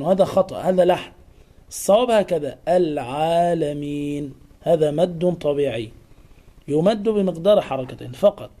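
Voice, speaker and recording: A man teaching a recitation lesson, explaining pronunciation deliberately and chanting verses slowly to show right and wrong forms. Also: high-pitched, dark tone.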